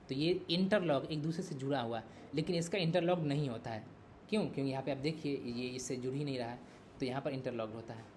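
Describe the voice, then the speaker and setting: Teacher lecturing with faint hiss. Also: male voice, on the high side, darkish tone. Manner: explains by repeating and asking the class questions. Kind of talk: exam-prep lecture.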